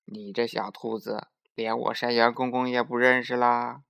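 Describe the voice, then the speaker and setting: A man voicing a kindly old billy goat grandfather who talks slowly, amused and fatherly. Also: mid-range voice, flat delivery, creaky, a bit bright.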